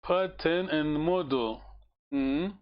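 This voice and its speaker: A man teaching a casual one-on-one language lesson, relaxed and encouraging, with many fillers and repeated words. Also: a little high, extremely slow, clean tone, dull audio.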